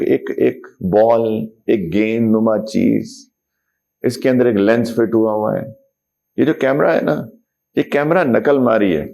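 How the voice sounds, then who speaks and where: Gravelly middle-aged preacher guy talking to youth, lots of rhetorical questions, quotes verses. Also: fairly low pitch, darkish tone. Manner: rhetorical questions, mixes English words, recites Quranic verses. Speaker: Islamic scholar. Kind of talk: motivational talk to young people. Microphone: speaker system to a live audience.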